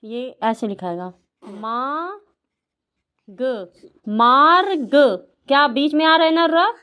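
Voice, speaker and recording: A woman's voice: sits high, expressive, normal speed, dull audio. A woman tutoring a young child at home, patiently asking questions and repeating the answers. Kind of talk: home tutoring, Hindi lesson.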